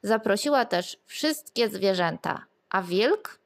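A woman reading a fairy tale aloud to children, expressive and lilting, sometimes asking the listeners questions. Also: mid-range voice, slow, vocal fry. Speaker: storyteller.

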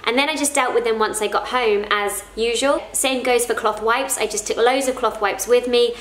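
A woman's voice: a little high, steady tone, moderate pace, a bit bright, reverberant. A woman in her thirties talking casually to the camera at home, sharing practical tips in a chatty, friendly way. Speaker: parenting vlogger. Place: living room at home, indoors. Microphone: camera in front at close range.

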